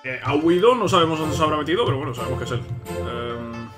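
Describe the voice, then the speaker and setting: A man with an accent from Spain giving casual game commentary, often repeating phrases excitedly. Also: on the high side, quick pace. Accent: Spanish from Spain. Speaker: gaming video host. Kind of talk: casual let's play commentary. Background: game music.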